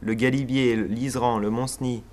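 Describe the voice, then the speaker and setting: Young man calmly reading his portrait. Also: medium pitch, normal speed. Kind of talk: read personal portrait narration.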